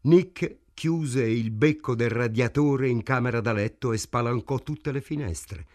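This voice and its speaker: A man with a medium-pitched voice narrates an audiobook, reading a novel aloud in a measured, even way.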